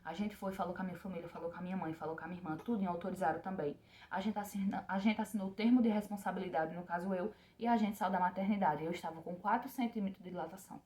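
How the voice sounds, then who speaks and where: A young woman talks quickly to her viewers with real emotion. Her voice is mellow and soft-edged, and she keeps repeating words for emphasis as she tells a personal story. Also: on the low side, fairly even intonation. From Pernambuco, Brazil. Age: young adult. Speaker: vlogger.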